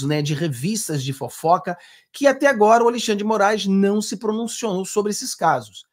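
A Brazilian man in his thirties reacts live to political clips, talking earnestly and with emphasis. His voice sits a little higher than most men's. He speaks into a desk mic in a small home studio. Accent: Brazilian Portuguese. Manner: earnest, emphatic, gestures with hands. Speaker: political commentator. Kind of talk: live-stream reaction commentary. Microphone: over-ear headphones, desk mic.

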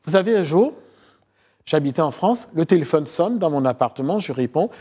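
A middle-aged man from Côte d'Ivoire, a historian, giving long answers in a TV interview, often pausing with fillers and repeating phrases. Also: fairly high pitch, lively intonation, dark tone, husky. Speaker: historian and author guest. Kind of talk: TV interview, recounting his research.

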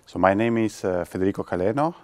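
A man in his thirties from Italy speaking English with an Italian accent, hesitant and pausing for words in a classroom testimonial. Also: sits low. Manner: hesitant, many fillers. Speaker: course participant. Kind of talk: testimonial interview.

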